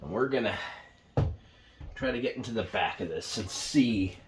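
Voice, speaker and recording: A man's voice: fairly low pitch, animated, moderate pace, background noise. A man giving casual unboxing commentary, rambling and unsure, thinking aloud with fillers as he moves around his home, sometimes drifting away from the camera mic. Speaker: product reviewer.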